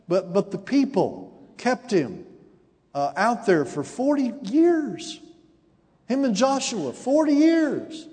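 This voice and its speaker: High-voiced preacher man in a reverberant hall. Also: a little mellow. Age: 40s. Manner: call-and-response preaching, rising to emphatic peaks. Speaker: pastor. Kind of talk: sermon.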